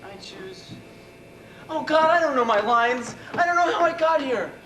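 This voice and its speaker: A young man playing Elliot, a vague, bored ex-husband, with deadpan delivery in a school stage comedy. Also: sits high, normal speed, dull audio. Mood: befuddled. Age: young adult. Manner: deadpan, dry. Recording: distant echoey stage audio with noise.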